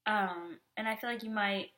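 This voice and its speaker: A woman's voice: mid-range voice, steady tone, moderate pace, bright, forceful tone. Chatty woman giving a tarot reading. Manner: chatty, conversational, frequent "you know what I mean". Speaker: tarot reader.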